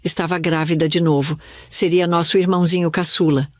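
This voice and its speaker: An older woman from Brazil telling a sad childhood memory in first person, in a slow, somber storytelling manner. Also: fairly low pitch, fairly even intonation, no room sound. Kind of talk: scripted first-person narration.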